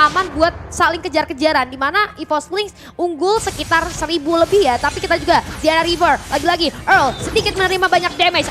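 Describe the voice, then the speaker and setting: A woman's voice: sits high, fairly bright tone. A woman with an Indonesian accent giving live game commentary, mixing in English gaming terms. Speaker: esports commentator. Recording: game music behind.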